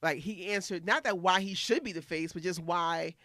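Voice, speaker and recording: A woman's voice: lowish voice, moderate pace, fairly bright tone, no echo, studio quality. A woman co-hosting a podcast in casual chat, rambling and profane, drifting off on tangents. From studied in Philadelphia. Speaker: podcast co-host.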